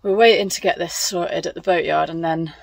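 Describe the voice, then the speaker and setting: A woman's voice: fairly low pitch, fairly even intonation, a little fast, vocal fry, no room sound. A young woman chatting casually on a travel vlog, thinking aloud with fillers as she films on a phone at arm's length outdoors on a canal boat. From England. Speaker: vlogger.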